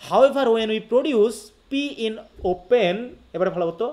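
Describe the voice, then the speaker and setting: A man with a Bangladeshi accent giving a live lecture, reading English passages slowly and then explaining them step by step, often checking that his students follow. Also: high voice, darkish tone. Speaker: English teacher.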